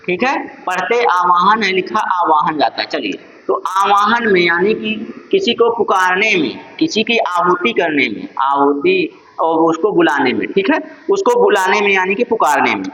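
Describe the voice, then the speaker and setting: A man with a Purvanchal Hindi accent teaches an exam-prep lesson in a fairly high voice. He keeps calling his listeners friends and answers his own questions. The recording sounds dull and lo-fi. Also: animated, moderate pace, pushed and bright. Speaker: Sanskrit teacher.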